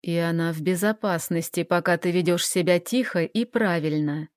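Lady doing a low slow creepy guy, calm and mocking, dry audiobook sound. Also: smooth, no echo, close to an everyday voice. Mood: menacing calm. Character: menacing calm middle-aged man, mocking kidnapper.

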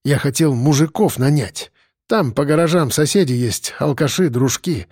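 A man doing a hoarse vengeful grieving father, high strained outbursts, dry close sound. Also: moderate pace, darkish tone, no echo, lightly acted. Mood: weary confession. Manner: hoarse, swings from muttering to shrill outbursts. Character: grieving middle-aged man, bitter, vengeful, tearful.

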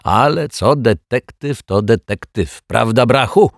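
A man voicing a coarse, overly friendly male crook with a raspy chuckle and slangy talk, in a storybook. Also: medium pitch, takes it slowly, no echo, clean studio sound, pitched above the performer's own voice. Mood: jovial. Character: coarse cheerful male small-time crook.

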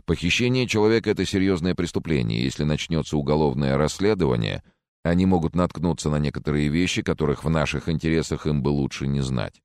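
A man voicing a cool, calculating young male student who reasons things through in a measured way, in an audiobook thriller. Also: rumbling low, a little mellow, no room sound, clean studio sound. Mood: cold, reasoning. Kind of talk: audiobook character reading.

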